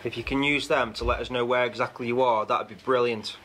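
A young man quietly narrating a night-time ghost-hunting vlog, talking low and often close to a whisper. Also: fairly even intonation, a little fast. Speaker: paranormal investigator. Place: old house at night.

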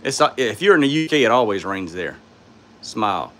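A man with a sore throat hosting a casual live stream, answering chat in a tired, low-key way from his home studio on a phone. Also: very animated, a little fast, a bit bright, a little hiss or hum. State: sore throat, speaking softly.

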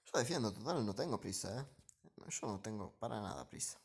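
A man's voice: fairly low pitch, lively intonation, a little fast, vocal fry. A man giving live commentary over his own gameplay, muttering asides and repeating short phrases as the action swings. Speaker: gaming streamer.

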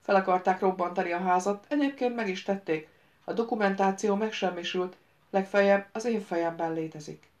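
In an audiobook, a woman voices a sharp-tongued young woman who used to be a bodyguard, giving her a cool, cutting manner. Her medium pitch stays close to an everyday speaking voice.

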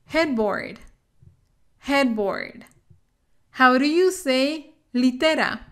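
A woman teaching English vocabulary to Spanish speakers, saying each word slowly and carefully and then repeating it. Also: high voice, animated. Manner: slow, careful word-by-word pronunciation drills. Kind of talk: bilingual vocabulary lesson.

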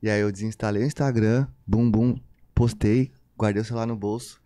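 A young man tells a story on a podcast, rambling and circling back with slang and repeated phrases. His voice is mellow and dark, recorded close and dry. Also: on the low side, fairly even intonation, a little fast, no echo. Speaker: podcast guest. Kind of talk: casual storytelling.

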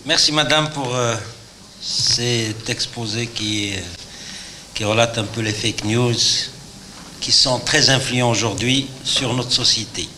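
A man moderates a conference in a formal style. His voice is bright and mid-pitched, with faint noise behind it. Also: slow pace. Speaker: session moderator. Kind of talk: formal speaker introduction. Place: large conference auditorium. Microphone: podium microphone.

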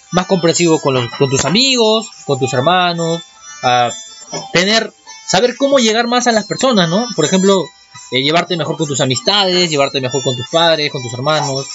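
Lively male primary teacher, dull sound. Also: sits high. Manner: lively, asks the children questions. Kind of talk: online class lesson. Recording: dull lo-fi with music behind.

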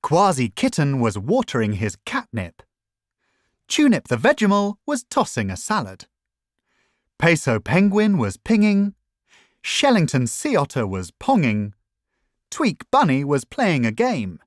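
A reader narrating a children's picture book aloud in a gentle storytelling way. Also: medium pitch, huge pitch swings, no room sound, clean studio sound. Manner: slow, lilting storytelling.

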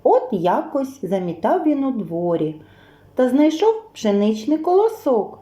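A kindergarten teacher reading a folk tale aloud to children, slow, gentle and expressive. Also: female voice, a little high. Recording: roomy echo.

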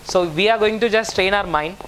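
A man's voice: sits high, a little fast, a bit bright, slight background noise, rough recording. Man coaching a finger exercise. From India. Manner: repetitive step-by-step coaching, encouraging. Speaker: speaker leading a brain exercise talk. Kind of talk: live instructional talk to a small audience. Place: small indoor room with whiteboard and banner.

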